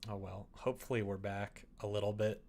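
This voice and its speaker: Talking a little fast, a young adult livestreamer grumbles his way through casual chat as he works, sardonic and quick to poke fun at himself. His voice sits fairly low, a little mellow, with fairly even intonation.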